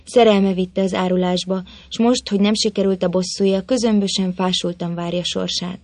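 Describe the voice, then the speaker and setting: Woman narrator, storybook reading, expressive, measured, middle pitch, dry close sound. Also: dry recording.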